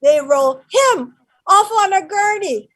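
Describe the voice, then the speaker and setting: A fierce old grandmother, played by an actress on stage, her voice set high and swinging wildly up and down. She talks in slow, broken English, with bursts of shouting that drop into hushed murmurs. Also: lively intonation, full character voice, rough recording. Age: older. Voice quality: broken English, shifting between shouts and whispers. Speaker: actor. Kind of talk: live-streamed stage play.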